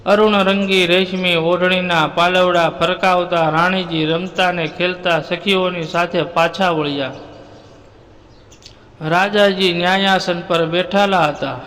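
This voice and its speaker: Slow, high-voiced male storyteller. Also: steady tone, fairly bright tone. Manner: measured, descriptive storytelling. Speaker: storyteller, channel host. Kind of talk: reading a folk tale aloud. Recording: long hall reverb.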